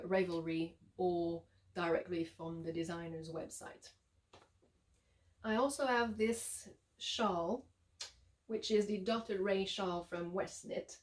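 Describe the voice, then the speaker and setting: A woman with a French Canadian accent, a yarn dyer giving a relaxed, chatty showcase of her shop's products with frequent ums and uhs. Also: lowish voice. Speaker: yarn dyer and shop owner.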